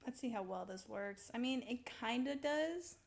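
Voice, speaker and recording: A young woman casually talking through her building in a video game, rambling slowly with lots of ums and little laughs. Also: fairly high pitch, lively intonation, creaky. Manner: slow, rambling, giggly, full of ums. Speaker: streamer building in a survival game. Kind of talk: casual gameplay commentary.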